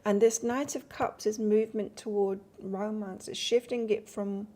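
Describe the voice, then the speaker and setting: A woman's voice: mid-range voice, fairly even intonation, moderate pace, mellow. A woman from the north of England with an accent mixed between northern English and Australian, giving a casual live-stream tarot reading in a chatty, rambling way and chatting with her viewers between cards. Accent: mix of northern English and Australian. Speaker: tarot reader.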